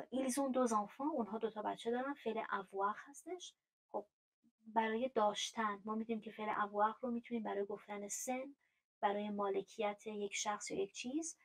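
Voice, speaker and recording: A Persian-speaking woman teaching a French grammar lesson, explaining patiently with frequent fillers and reading French verb forms aloud slowly. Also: fairly high pitch, creaky, poor audio.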